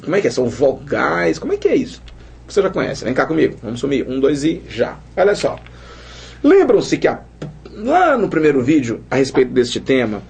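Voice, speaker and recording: A man's voice: fairly high pitch, vocal fry, darkish tone, slightly rough. A man with a Brazilian Portuguese accent teaching a recorded lesson, keeps checking in with the viewer through tag questions.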